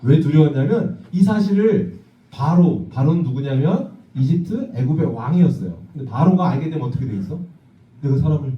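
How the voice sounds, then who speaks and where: A man's voice: fairly high pitch, brisk. A man pastor telling a Bible story to children in a church, asking them questions and acting out the voices of the people in it. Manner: lively, asks the children questions and acts out voices. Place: church hall. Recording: distant, echoey, dull church recording.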